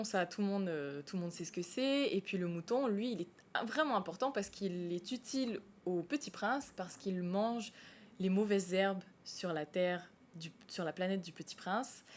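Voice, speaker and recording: A woman's voice: on the low side, normal speed, a little hiss or hum. A woman, a stage actress, answers interview questions in a TV studio, hesitant and full of fillers and restarts.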